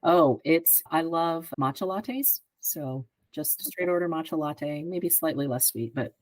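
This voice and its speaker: Low-voiced woman explaining steadily. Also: no echo, poor audio. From greater Philadelphia area. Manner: explanatory, measured, fills with "right?". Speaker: advertising executive guest. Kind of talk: podcast interview answers.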